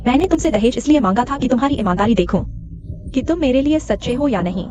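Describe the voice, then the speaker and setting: A woman dubbing a greedy young fiancée who coaxes and wheedles, with soft music behind. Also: a little high, animated, quick pace, lo-fi sound, close to an everyday voice. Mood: wheedling. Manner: wheedling, coaxing.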